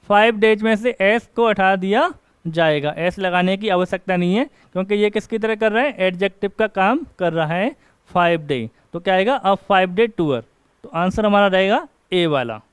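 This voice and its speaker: A man teaching an English grammar class, asking questions and answering them himself and reading example sentences slowly. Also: high-pitched, lively intonation, smooth, no echo. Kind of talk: classroom lecture. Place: coaching class.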